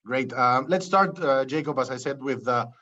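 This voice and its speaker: A man's voice: medium pitch, normal speed, pushed and bright, dull audio. A man hosting an interview podcast, introducing the format and questioning his guest, listing topics and restarting phrases. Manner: enumerating, with frequent restarts. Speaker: podcast host. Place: Peru.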